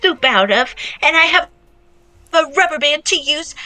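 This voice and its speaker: A woman's voice: sits high, lively intonation, normal speed, bright, forceful tone, voice pushed up. A woman improvising a goofy, flirty female kitty cat who meows. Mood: stubborn. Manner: playful, meowing, goofy. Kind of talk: improv comedy scene.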